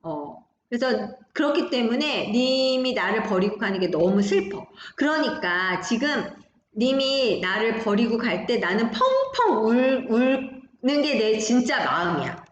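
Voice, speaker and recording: A woman teaching a high school Korean class online, talking students through examples with frequent tag questions. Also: very animated, unhurried, roomy sound, lo-fi sound, a little hiss or hum. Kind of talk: recorded online class lecture.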